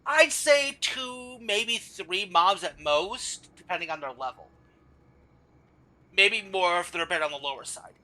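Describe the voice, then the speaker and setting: A man's voice: high voice, lively intonation, measured pace, sharp tone, poor audio. A tired man talking through a game class in a casual guide voice-over, rambling and often stopping to correct himself. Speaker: gamer explaining a game class.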